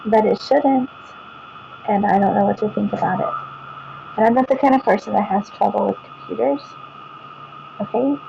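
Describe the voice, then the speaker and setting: A woman's voice: mid-range voice, normal speed, creaky, long pauses, dark tone, dull audio, slight background noise. A woman, vlogging casually to viewers, rambling, repeating herself and restarting sentences.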